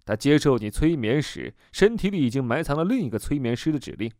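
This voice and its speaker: A man reading the lines of a calm, determined woman hypnotist in an audiobook, in a low and measured way. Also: dry recording, studio quality. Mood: steady.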